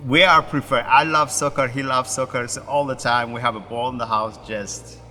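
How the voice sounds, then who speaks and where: A middle-aged man from Ethiopia, a pastor, telling his life story in halting, broken with many restarts. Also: medium pitch, steady tone, pushed and bright, in a large hall, soft background music. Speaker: pastor, interview guest. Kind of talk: personal story in an interview.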